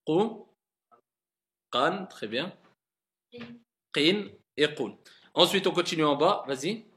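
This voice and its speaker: A male Arabic reading teacher with a bright, fairly high voice and lively intonation corrects students' reading in a classroom lesson. Patient and encouraging, he drags out words slowly to model pronunciation and mixes French with Arabic words.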